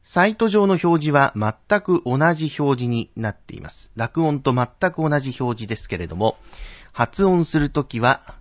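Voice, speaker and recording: Male pronunciation teacher, measured and deliberate, expressive intonation, dull lo-fi sound. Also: medium pitch, dry recording. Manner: slow, careful enunciation of syllables. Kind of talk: Japanese pronunciation drill.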